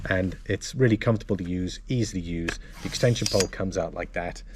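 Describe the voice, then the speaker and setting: A man presenting a casual gear walkthrough to camera, explaining things in a halting, self-correcting way. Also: sits low, noisy background. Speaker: motovlogger and presenter.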